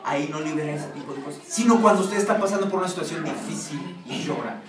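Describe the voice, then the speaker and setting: A man's voice: fairly high pitch, expressive, quick pace, music in the background. A male pastor preaching a sermon, often asking his congregation questions. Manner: asks the congregation frequent questions. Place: church hall. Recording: echoey room from far off, noisy.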